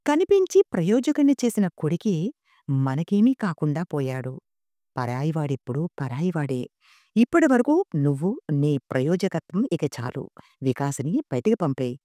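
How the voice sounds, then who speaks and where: A woman's voice: deep voice, big pitch swings, normal speed, no room sound, studio quality. A woman voicing an angry retired old father who scolds and curses in a storybook reading. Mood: bitter. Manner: shouting, cursing.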